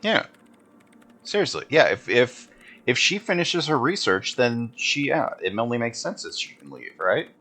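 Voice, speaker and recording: A man's voice: mid-range voice, sing-song, normal speed, pushed and bright. A man giving casual gameplay commentary, thinking aloud informally and reading dialogue options out. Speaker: game streamer.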